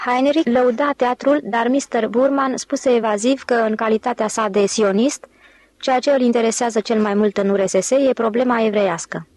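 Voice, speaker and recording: A woman narrating an audiobook in a steady, clear storytelling manner. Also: on the high side. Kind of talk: scripted narration.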